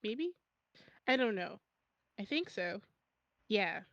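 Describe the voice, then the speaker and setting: A woman's voice: medium pitch, big pitch swings, slow, a bit bright, no echo, lo-fi sound. A woman co-hosting a read-through stream, rambling and searching for words as she chats. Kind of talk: casual chat.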